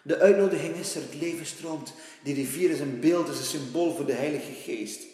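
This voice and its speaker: A male preacher giving gentle, repetitive prophetic worship ministry in a coaxing way. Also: on the high side, moderate pace, a little hiss or hum. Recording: echoey hall with faint music.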